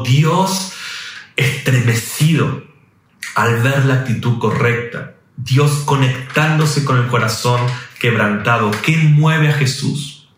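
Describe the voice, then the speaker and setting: A man preaching a sermon, impassioned and exhorting, racing ahead in bursts and then slowing to drawn-out emphasis. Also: medium pitch. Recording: very echoey room.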